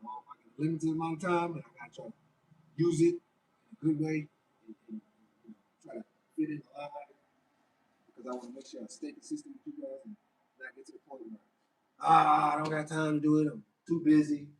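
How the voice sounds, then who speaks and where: A man's voice: a little high, steady tone, fairly quick, recorded from a distance, slight background noise, rough recording. A young adult man on a casual fitness livestream, reading viewer comments and answering them in a loose, chatty way.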